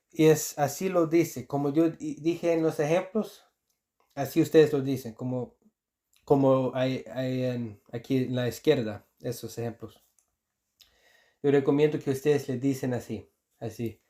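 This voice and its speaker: Slow, mellow-voiced Icelandic language teacher. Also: male voice, medium pitch. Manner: slow, repeats example words, many restarts. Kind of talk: explaining pronunciation to learners.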